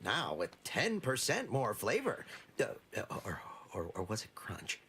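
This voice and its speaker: Nervous, wildly animated shopkeeper man. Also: mid-range voice, measured pace, slight background noise, heavily acted. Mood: flustered, sheepish. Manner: stumbling sales patter, awkwardly chipper. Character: nervous, eager-to-please novice franchise shopkeeper, man. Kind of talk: video game character dialogue.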